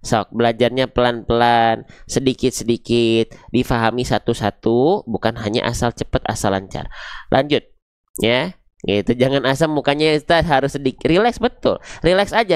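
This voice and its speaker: A man teaching Quran recitation, patiently repeating and drilling syllables slowly. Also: mid-range voice, clear, resonant tone, dry recording, studio quality. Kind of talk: online pronunciation lesson.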